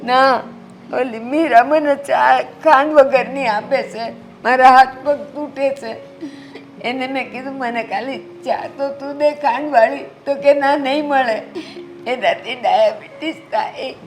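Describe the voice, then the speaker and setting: A woman's voice: high voice, measured pace, slight background noise. An actress playing a frail elderly mother-in-law who pleads plaintively for sweet tea. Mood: tearful. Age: older.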